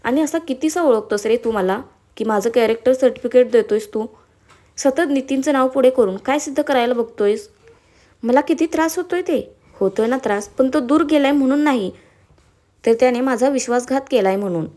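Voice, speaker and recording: A woman's voice: high-pitched, moderate pace, dark tone, close to an everyday voice. A woman voicing a proud, defiant young wife in a spoken story, angry and cutting. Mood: furious.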